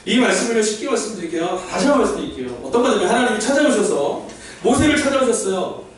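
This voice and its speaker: Speaking fast in a high register, this pastor delivers a lively sermon, quizzing his listeners and dramatizing God's words. The recording is distant and reverberant, made in a big church hall with a little background noise.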